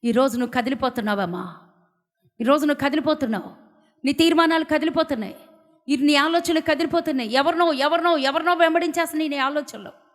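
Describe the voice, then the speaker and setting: A woman preacher from India giving a fervent sermon, swinging from loud declarations to hushed, pleading lines. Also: high-pitched, fast talker. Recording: long hall reverb.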